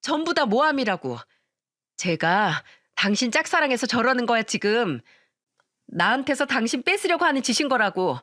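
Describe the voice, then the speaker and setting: A woman voicing a scheming two-faced young wife who talks slowly with sugary fake concern that turns cold and defiant. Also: a little high, big pitch swings, fairly bright tone, dry recording, clean studio sound.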